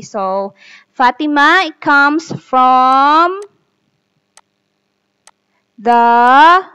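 A woman teaching an English lesson over slides, reading aloud slowly and asking pupils questions. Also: on the high side, a bit bright, clear, resonant tone, poor audio.

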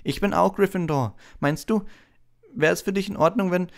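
A man's voice: high voice, normal speed, gravelly, pitched above the performer's own voice. A man doing a breathless, starstruck young boy. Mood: eager. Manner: breathless, gushing, stumbling over words. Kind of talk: audiobook reading.

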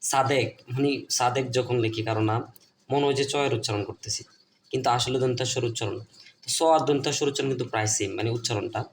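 Speaking fast in a mid-range voice with fairly even intonation, a man with a Bangladeshi Bengali accent gives a lesson at a board. He goes over each point more than once and asks his own questions before answering them. There's a little background noise.

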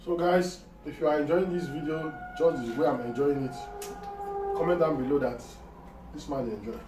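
A man's voice: fairly high pitch, normal speed. A man with a Nigerian accent co-hosting a casual mukbang, teasing in Pidgin-tinged speech as he eats. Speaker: co-host of an eating show. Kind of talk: casual mukbang eating chat. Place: kitchen or dining room indoors. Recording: roomy, distant mic, clear noise.

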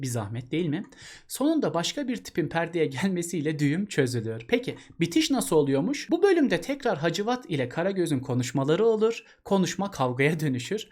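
A man teaching an exam-prep literature lesson in a chatty way, asking rhetorical questions and addressing the student as a buddy. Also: a little high.

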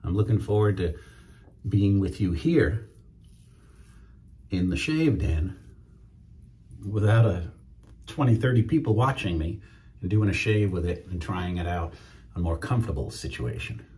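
A man's voice: sits low, lively intonation, unhurried, long pauses, dark tone. A middle-aged man chatting casually to viewers while shaving at home. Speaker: wet shaving YouTuber. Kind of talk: casual shaving demo chat. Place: home shave room, indoors.

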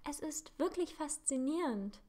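A woman doing Emily, a squeaky eager teen witch. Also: lively intonation, a little slow. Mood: fascinated. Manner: bright, eager, squeaky when startled. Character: curious, excitable teenage witch girl.

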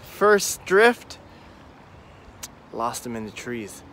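A man's voice: mid-range voice, sing-song, extremely slow, fairly bright tone, a little hiss or hum. A man in his thirties hosting a fishing vlog, explaining a technique to the camera outdoors by a wooded creek. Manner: upbeat, explanatory, talking to camera while walking. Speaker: fishing vlogger host. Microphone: phone or camera at arm's length.

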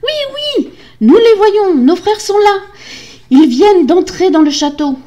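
A woman voicing young sisters on watch in a storybook reading, calling out high and shrill. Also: very animated, a little slow, mellow, dull audio, exaggerated voice. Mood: excited.

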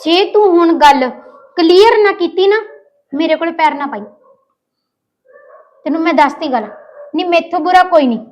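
Blunt high-voiced woman. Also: normal speed, long pauses, darkish tone. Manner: blunt, scolding, defiant. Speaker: actress playing a demanding mistress. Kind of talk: Punjabi short film acting.

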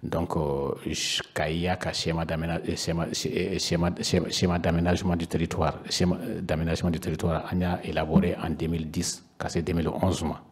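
As a guest at a panel discussion, a regional council official in his fifties with a Malian accent explains himself hesitantly in a blend of Bambara and French, often repeating words. His voice is low-pitched and slightly rough, brisk and level, with few pauses. He speaks into a handheld mic with a foam cover in an indoor panel room.

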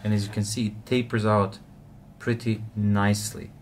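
Low-voiced man explaining fly tying. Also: normal speed, slight background noise. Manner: relaxed, explanatory, frequent uh fillers. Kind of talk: step-by-step tutorial narration.

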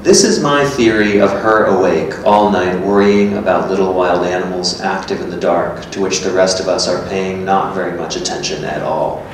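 His voice sits low and sounds natural, moving at normal speed with fairly even intonation and hardly any pauses. He is a performer giving a staged reading of a literary two-person script, playing a musing, matter-of-fact role. A stand mic catches him from a distance in an echoey hard-walled gallery, with faint noise.

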